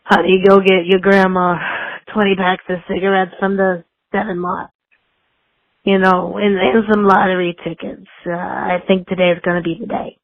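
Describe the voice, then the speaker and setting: A young woman doing a raspy old chain-smoking grandma. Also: medium pitch, flat delivery, moderate pace, no echo, natural voice. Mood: gruff. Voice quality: raspy smoker's rasp. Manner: loud, scolding drawl. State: hoarse from a sinus infection. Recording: tinny phone line voicemail.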